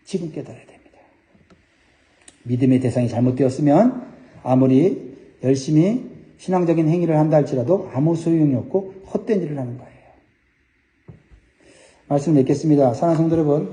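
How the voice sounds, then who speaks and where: Male pastor, earnest sermon, high voice, echoey church room. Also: lively intonation, fairly quick, pauses often, dark tone. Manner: earnest preaching, addressing congregation directly.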